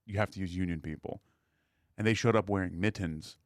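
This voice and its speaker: A man with a fairly low voice in relaxed podcast chat, recounting a story with wry exasperation. The recording is dry and close-miked. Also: fairly quick, no echo. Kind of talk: casual chat.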